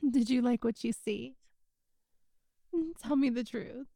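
A woman murmurs close to the mic in a soft, coaxing hush, her high voice lingering over every word at a very slow pace. A gentle vocal fry runs through her warm, mellow tone, and the recording is dry, with no room sound. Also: steady tone, no echo. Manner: soft, hushed and coaxing, partly whispered. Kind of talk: intimate audio roleplay.

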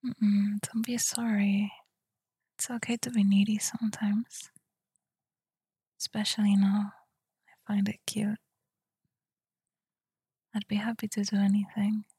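A woman whispering softly in a tender, soothing ASMR roleplay, speaking close to the mic. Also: medium pitch, little pitch movement, no room sound. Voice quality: breathy whisper. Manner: soft, tender and soothing, slow murmurs. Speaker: girlfriend roleplayer.

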